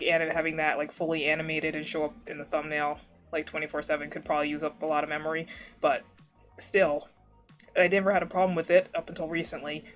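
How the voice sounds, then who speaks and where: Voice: mid-range voice, fairly bright tone. Rambling streamer with warbly noise suppression. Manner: rambling, many fillers and restarts. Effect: warbly noise-suppression artifacts. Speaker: livestreamer. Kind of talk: casual stream chat while drawing.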